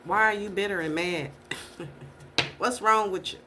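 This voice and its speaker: A woman's voice: mid-range voice, measured pace, noisy background. Blunt, profane woman tarot reader. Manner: blunt, profane, repeats rhetorical questions. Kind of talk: casual tarot reading.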